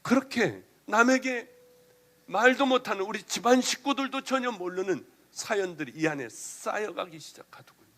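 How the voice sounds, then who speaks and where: A middle-aged male pastor giving an emotional sermon testimony, moving between loud passages and hushed ones. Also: high voice, expressive, normal speed.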